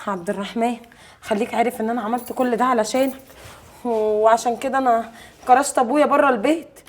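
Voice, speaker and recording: Here a hard-hearted Egyptian daughter speaks in a high, breathy voice, as a young woman plays her. She talks very fast and dismisses others harshly, and she is a figure in a web drama. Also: fairly even intonation, lightly acted. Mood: anxious. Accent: Egyptian Arabic. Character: cold, scheming young woman evicting her father. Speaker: scheming daughter.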